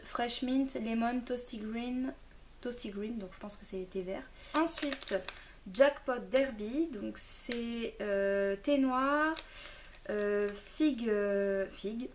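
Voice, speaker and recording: Young woman vlogger, casual hesitant chatter, slightly high voice, recorded on a home camera set a bit far off with faint hiss. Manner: chatty, hesitant with many fillers. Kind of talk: casual unboxing chat. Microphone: camera mic, a little far.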